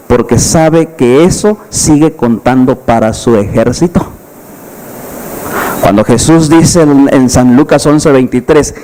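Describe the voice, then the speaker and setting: A man's voice: mid-range voice, warm tone. A man preaching an evangelistic sermon as pastor, emphatic and full of rhetorical questions to the congregation. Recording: long hall reverb.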